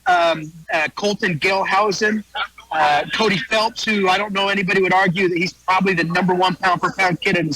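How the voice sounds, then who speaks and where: An American guest wrestling analyst gives a folksy, casual sports preview in a high, pushed and bright voice, repeating phrases for emphasis. The audio quality is poor.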